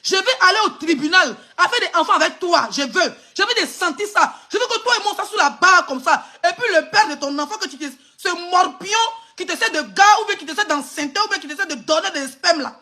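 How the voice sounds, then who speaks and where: A woman's voice: extremely high pitch, animated, brisk, few pauses, pushed and bright. A woman with an Ivorian French accent on a phone live stream, hurling insults and mocking laughter in an angry rant.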